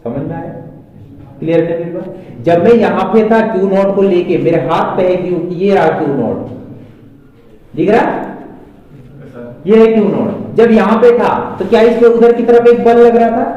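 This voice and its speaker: Man, physics teacher, classroom lecture, high pitch, keeps quizzing students, far-off camera mic, very echoey room. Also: moderate pace, long pauses, dull audio. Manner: keeps asking the class questions to check understanding.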